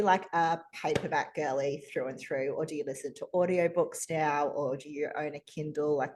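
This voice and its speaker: A woman's voice: deep voice, darkish tone. A woman hosting an interview show over a video call, upbeat and gushing as she asks questions. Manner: upbeat, gushing, quick to laugh. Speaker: podcast host. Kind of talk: casual interview chat.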